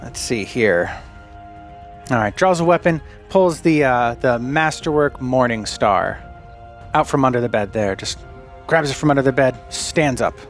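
Male game master, brisk and playful, faint music under him. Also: mid-range voice, expressive. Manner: quick, laughing, playful narration. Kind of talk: narrating a tabletop game.

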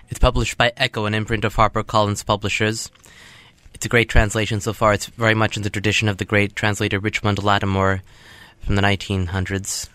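A man hosting a show, reading epic verse aloud with his own commentary in a measured way. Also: on the low side, a bit bright, clear, resonant tone, no room sound. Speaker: host reading classic literature.

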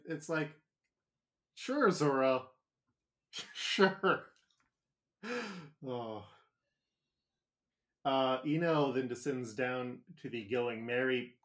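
A man's voice: medium pitch, steady tone, unhurried. A man co-hosting a podcast, recapping episodes in a casual, joking way with plenty of filler words. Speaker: podcast co-host.

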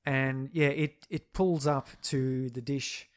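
A man with a neutral Australian accent co-hosting a casual film discussion, recapping scenes in a relaxed storytelling way. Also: mid-range voice, slow pace. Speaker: podcast co-host.

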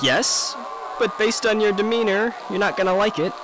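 A woman's voice: mid-range voice, moderate pace, background noise, voice pushed up, lightly acted. Alder, as a woman voices him, a breezy young guide. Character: upbeat young man guiding her over radio.

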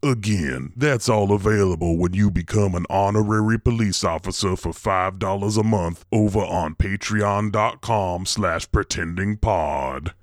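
A man voicing a grimy, boastful male pirate radio DJ who calls himself the king of mess, talking in a slow, folksy drawl. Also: deep voice, no echo, studio quality. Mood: promotional. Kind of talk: actual-play radio show bit.

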